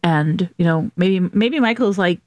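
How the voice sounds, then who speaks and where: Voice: mid-range voice, animated, unhurried, darkish tone, dry recording. A podcast co-host in casual discussion, musing aloud with frequent fillers. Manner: musing, uses "you know" often.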